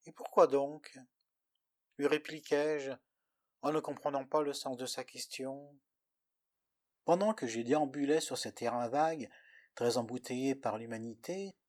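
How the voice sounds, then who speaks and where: A man's voice: medium pitch, fairly even intonation, a little slow, pauses often. A man narrating a poetic story in the first person with a dramatic, lyrical delivery.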